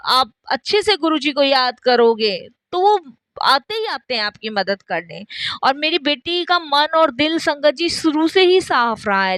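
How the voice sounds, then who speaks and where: A woman's voice: sits high, fairly bright tone, dry recording, studio quality. A middle-aged woman telling her own devotional testimony, repeatedly addressing listeners and acting out the dialogue of people in her story. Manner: acts out quoted dialogue in story. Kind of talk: first-person spoken testimony.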